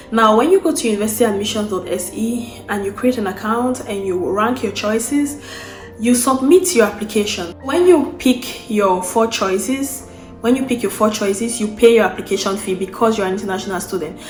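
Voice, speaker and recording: Talking to camera in an unscripted, casual way, a young woman from Cameroon, a vlogger, explains a process step by step, often restarting and repeating phrases. She speaks at normal speed with a medium pitch. Her voice rings in an echoey room as faint music plays underneath.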